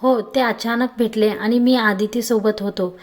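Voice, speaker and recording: Gentle young man in a love story, reassuring tone, read by a woman. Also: on the high side, steady tone, unhurried, lightly acted. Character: young man, calm and affectionate father figure.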